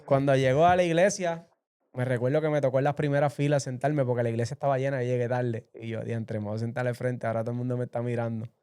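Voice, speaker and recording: A man's voice: medium pitch, level tone, rapid-fire, few pauses, dark tone, smooth. A man telling his personal faith testimony as an interview guest, storytelling vividly and acting out the voices he quotes.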